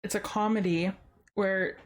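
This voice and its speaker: A woman's voice: mid-range voice, fairly even intonation, a little slow. A woman hosting a casual true-crime podcast, chatty and filling her sentences with "like". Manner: chatty, heavy use of "like" fillers. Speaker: podcast host.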